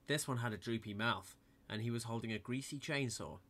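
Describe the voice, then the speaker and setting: A man's voice: mid-range voice, a little fast, a bit bright. A man narrating a comic bedtime-style story in a playful, mock-innocent storybook manner.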